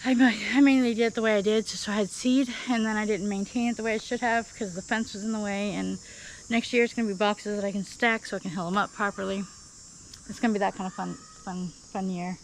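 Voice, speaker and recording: A woman walks her vegetable garden outdoors, a bit out of breath, chatting candidly and rambling with plenty of ums. Her voice sits at an ordinary middle pitch. Faint crickets and insects buzz softly behind her. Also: fairly even intonation, fast, slight background noise, low-quality recording. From South Dakota. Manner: rambling, candid, with many fillers. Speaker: gardening vlogger. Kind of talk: casual garden update chat.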